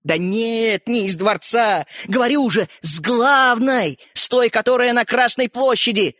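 A man's voice: very high voice, a bit bright, dry recording, studio quality. A man voicing a touchy, boastful tiny fairy-tale hero who lectures and takes offence easily, in a storybook reading. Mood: urgent. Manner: huffy, lecturing, quick to take offence.

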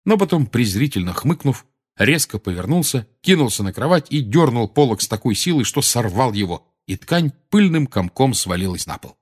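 A man narrating an audiobook in a lively storytelling manner. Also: medium pitch, normal speed, breathy edge. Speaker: audiobook reader.

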